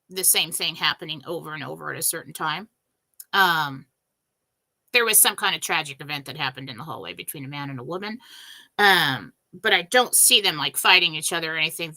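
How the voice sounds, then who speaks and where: A woman's voice: low-pitched, sharp tone. A woman giving psychic readings on a live stream, answering in a direct, matter-of-fact way with a scratchy voice. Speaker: psychic reader.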